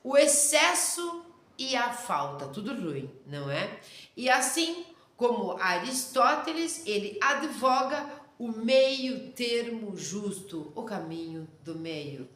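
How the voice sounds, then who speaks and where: A woman with a Rio Grande do Sul interior accent giving a casual religious lesson, talking fast, loud and intensely. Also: medium pitch. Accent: Rio Grande do Sul interior Brazilian Portuguese. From interior of Rio Grande do Sul, Brazil. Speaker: Torah teacher. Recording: roomy echo.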